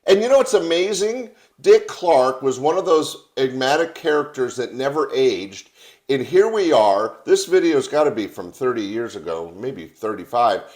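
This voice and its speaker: A man's voice: medium pitch, big pitch swings, moderate pace, a little mellow. A man presenting a comedy show as host, in a conversational way.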